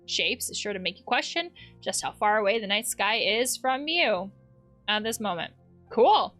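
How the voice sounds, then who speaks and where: Bright, lively woman playing a game. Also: medium pitch, moderate pace, soft background music. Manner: chatty, reflective, reads game text aloud with soft laughs. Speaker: counselor playing a video game. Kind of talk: let's play commentary.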